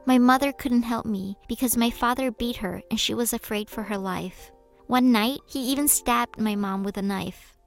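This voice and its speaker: Woman, interpreter voice-over in first person, higher voice, steady measured read, soft music underneath. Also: creaky. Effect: interpreter voice-over speaking in first person. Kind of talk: translated first-person testimony from a video.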